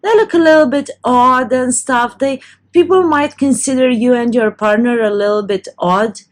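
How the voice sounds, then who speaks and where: A woman's voice: on the high side, normal speed. A woman doing a casual tarot reading to camera, talking loosely with restarts and self-corrections. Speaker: tarot reader.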